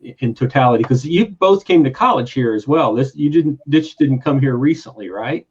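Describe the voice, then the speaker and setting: A man's voice: mid-range voice, lively intonation, moderate pace, a little mellow, breathy edge, dull audio. A man hosting a friendly online chat with a country American accent, talking hesitantly with many fillers. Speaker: host. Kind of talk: casual interview chat.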